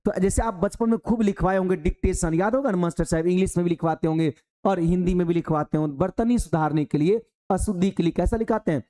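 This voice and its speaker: A man's voice: high-pitched, fast, warm tone. A man giving a Hindi exam-prep lesson in a colloquial way, asking the class a question and then answering it himself. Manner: colloquial, addresses listeners as "babu".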